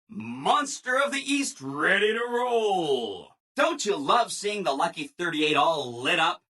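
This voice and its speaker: A man's voice: high-pitched, bright, forceful tone, slightly rough, exaggerated voice. A man voicing a relentlessly cheerful, eager-to-please robot assistant in a video game, chipper and exaggeratedly polite. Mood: excited cheer. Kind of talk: video game character acting.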